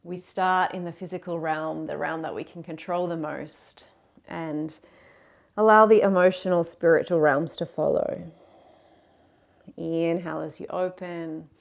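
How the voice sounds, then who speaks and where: A woman with a slightly low voice talks a class through a yoga practice. Her cues are gentle and encouraging, and she paces them around the breath without hurrying. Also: fairly even intonation, vocal fry. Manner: gentle, encouraging, unhurried cueing of breath and movement. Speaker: yoga teacher. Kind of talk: guided yoga class instruction.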